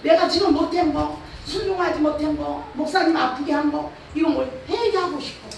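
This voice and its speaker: A woman pastor with a Chungcheong Korean accent preaches a revival sermon, her high voice rough with gravel. She presses her points with rhetorical questions. The sound is heavily echoey and distant, as if picked up from across a church hall. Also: brisk. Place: church or prayer house hall. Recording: echoey hall, far from the mic, faint noise.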